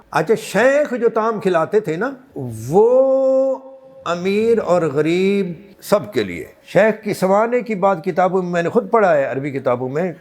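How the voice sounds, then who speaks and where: A man preaching a sermon to a live congregation. He builds to emphatic exhortation and puts questions to the crowd, calling on them to answer. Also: high voice. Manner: impassioned, rising to emphatic exhortation; asks the audience questions and calls for replies. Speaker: Islamic preacher.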